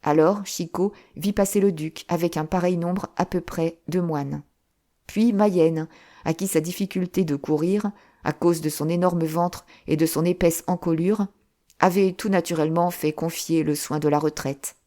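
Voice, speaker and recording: Woman reading a classic novel aloud, lowish voice, steady and measured. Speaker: audiobook narrator. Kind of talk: scripted narration of a classic novel.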